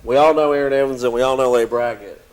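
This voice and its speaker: An easygoing man hosts a casual local sports chat show. His voice sits at an ordinary middle pitch, and his delivery is relaxed and lightly teasing as he moves the conversation along. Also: quick pace. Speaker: show host.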